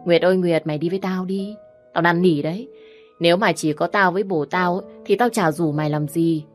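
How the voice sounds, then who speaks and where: A woman voicing a pushy, cheerful young female friend who wheedles and bosses loudly in a storybook reading. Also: fairly low pitch, fairly even intonation, fairly quick, faint music behind, close to an everyday voice. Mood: pleading. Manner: wheedling, bossy, loud.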